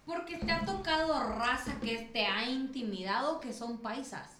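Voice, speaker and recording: A woman's voice: high-pitched, normal speed, bright, forceful tone. A woman guest in a podcast discussion, speaking in fragmented, trailing phrases and seeking agreement. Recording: echoey room, faint noise.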